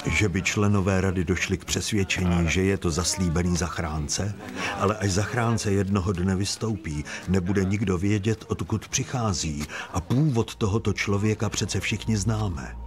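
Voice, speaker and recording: A man narrating a Bible story in a steady, even storytelling voice. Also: sits low, crowd noise.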